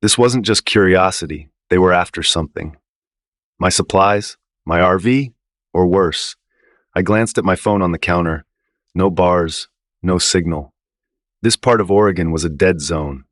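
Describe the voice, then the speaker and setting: A man reading a first-person horror story in a low, tense storytelling manner. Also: dry recording, clean studio sound. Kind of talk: scripted first-person narration.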